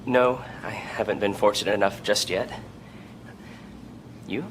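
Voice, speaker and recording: An actor plays an awkward man on a first date who stalls and contradicts himself. His voice sits a little low, with background noise clearly present. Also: fairly even intonation, a little slow, natural voice. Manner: hesitant, fumbling. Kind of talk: film acting.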